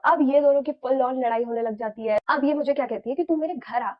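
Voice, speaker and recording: Young woman from India, high voice, animated storytelling, cusses a lot, slightly muffled recording. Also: a little fast. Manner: animated, mixes Hindi with English, swears freely. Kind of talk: casual storytime vlog. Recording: slightly dull lo-fi audio.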